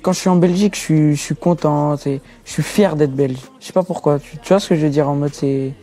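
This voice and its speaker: A teenage man, answering interview questions about his rap career in relaxed street slang, often adding "tu vois" and repeating words for emphasis. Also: on the high side, brisk. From France. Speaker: young rapper interviewed. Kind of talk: casual interview talk.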